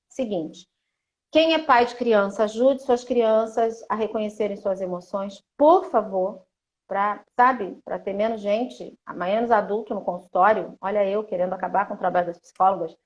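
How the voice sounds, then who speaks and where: Uma mulher brasileira, psicóloga, falando numa live com jeito de conversa, encenando diálogos entre mãe e filho. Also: female voice, mid-range voice, dull audio. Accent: Brazilian Portuguese. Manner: chatty, acts out parent-child dialogues. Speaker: psychologist and mentor. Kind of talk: live-stream talk on emotions.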